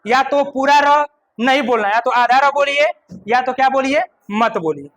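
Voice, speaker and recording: A man gives a classroom grammar lecture in a very high voice. His tone is bright and sharp. He repeats each point and keeps asking the class whether it is clear. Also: rough recording. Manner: asks the class questions and answers them himself; slows down to recite a couplet. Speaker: English grammar teacher.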